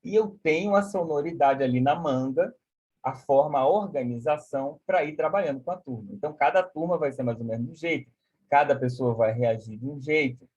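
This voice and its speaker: A male teacher with a fairly high, husky voice explains music theory in a live online class, often ending phrases with "né?" and breaking into sung solfège. The audio comes through a video call and sounds muffled and lo-fi. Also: a little fast. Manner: explains warmly with many "né?", sings solfège syllables.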